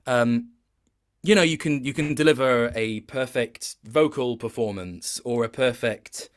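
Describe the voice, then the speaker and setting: A man appearing as a guest voice actor in an interview reflects on his performance work in stop-start phrases. His voice is mid-range and his pace is measured.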